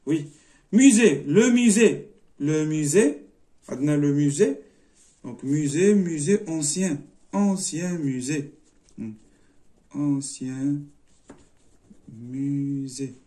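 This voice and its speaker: A man's voice: fairly high pitch, mellow. A middle-aged man with a Moroccan accent, teaching a primary-school French spelling lesson, explaining step by step, repeating words and switching between languages. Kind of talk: French lesson walkthrough mixing Moroccan Arabic and French.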